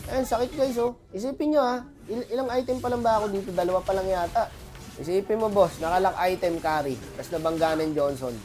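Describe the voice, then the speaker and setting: A man's voice: high-pitched, darkish tone. A man with a cold giving chatty, boastful gameplay commentary to his viewers as a streamer. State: has a cold, voice affected. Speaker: gaming streamer.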